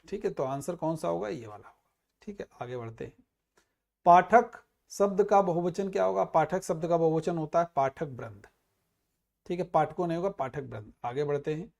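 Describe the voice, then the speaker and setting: A male teacher running an exam prep grammar lesson, explaining each answer with everyday examples and dropping low and quiet on the answers. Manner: explains with everyday examples, calls students "bhai".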